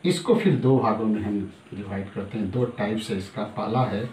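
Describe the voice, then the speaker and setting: A man's voice: lowish voice, normal speed, darkish tone, slight background noise. A middle-aged man teaching a chemistry class, chatty, repeating each term and calling his students sir. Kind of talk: classroom lecture. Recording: echoey room, voice from a distance.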